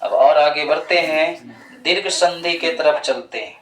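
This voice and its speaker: Slow-explaining male teacher in an echoey classroom. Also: on the high side, far from the mic. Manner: slow, repetitive explaining, quizzing students. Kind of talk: classroom grammar lesson. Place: classroom with students.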